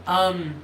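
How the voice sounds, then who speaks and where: With a fairly bright, mid-range voice that's nasal and cracks a little, a YouTuber rambles through casual holiday-livestream chat with viewers. Apologies come often, as do restarts when the thread slips. Roomy echo and a faint hum from a loud space heater fill the home setting.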